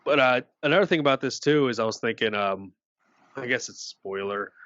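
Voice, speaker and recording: Male podcast co-host, rambling and profane, mid-pitched voice, dry mic. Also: a little fast, a bit bright, dry recording, dull audio. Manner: rambling, swears casually, restarts sentences. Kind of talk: casual chat.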